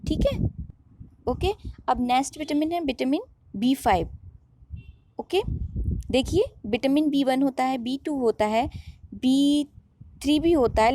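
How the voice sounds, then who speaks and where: A woman's voice: high voice, a little mellow, slight background noise. Woman teaching biology. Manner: repeats questions and answers them herself, drills terms. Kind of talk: online lesson.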